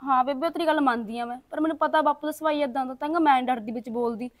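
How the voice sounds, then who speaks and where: A woman's voice: sits high, fast talker, natural voice. A young woman playing a pleading village daughter. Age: young adult. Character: young engaged daughter, gentle peacemaker.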